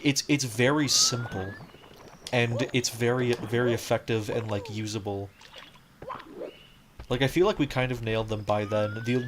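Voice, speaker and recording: A man's voice: mid-range voice, background noise. A man giving casual, rambling commentary while he plays a game, full of "like" and restarts. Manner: rambling, fills talk with "like", frequent restarts. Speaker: game streamer. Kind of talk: casual let's-play commentary. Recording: game music playing behind.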